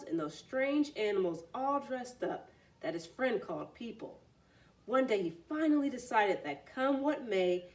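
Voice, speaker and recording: With a mid-range voice and a very animated, swinging intonation, a woman storyteller reads to children. She mixes the tale with simple explanatory comments, and the mic picks her up from a little way off.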